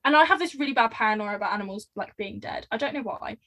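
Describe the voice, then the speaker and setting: A woman co-hosting a casual podcast, chatty and animated, telling stories with lots of fillers. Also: fairly high pitch, fast talker. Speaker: podcast co-host. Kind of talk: casual chat.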